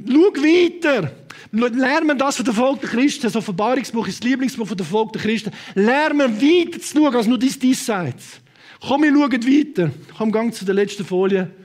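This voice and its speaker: A man with a Swiss German accent preaching a sermon to a congregation, impassioned, swinging between loud proclamation and quiet asides and dropping in English words. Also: high-pitched. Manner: sprinkles English words into speech. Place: church hall with a congregation.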